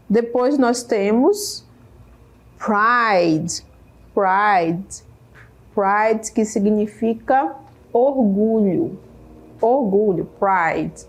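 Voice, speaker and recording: A woman teacher with a Brazilian Portuguese accent explains English vocabulary slowly, repeating each word and checking in with "né?". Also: on the high side. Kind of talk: slow, careful classroom explanation. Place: state school media center studio.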